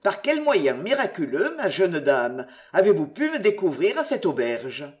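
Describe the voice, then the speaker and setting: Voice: mid-range voice, sing-song, a little slow. A reader voicing a crafty, pompous old Scottish inn waiter who preaches with mock virtue.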